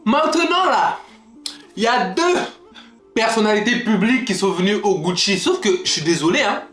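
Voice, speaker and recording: A young man with a high, lively voice telling stories to his viewers in a casual, animated way, acting out both sides of the conversations. The sound is roomy and echoey, with faint music in the background. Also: normal speed. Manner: animated, acts out exchanges with customers. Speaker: vlogger. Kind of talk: casual storytelling to camera.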